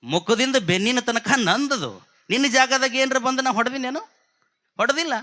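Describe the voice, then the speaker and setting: A man voicing a stubborn, simple village younger brother with a North Karnataka accent, shouting defiant threats. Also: extremely high pitch, normal speed. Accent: North Karnataka Kannada.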